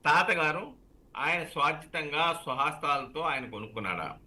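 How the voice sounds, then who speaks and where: Bright-voiced lawyer explaining law. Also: male voice, a little high, expressive. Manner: explanatory, measured. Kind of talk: legal advice on a call-in show.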